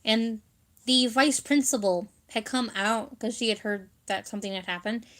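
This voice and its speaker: This young woman vlogger has a fairly high, fairly bright voice with fairly even intonation and a moderate pace. She casually tells her viewers childhood stories, laughing often and using many filler words.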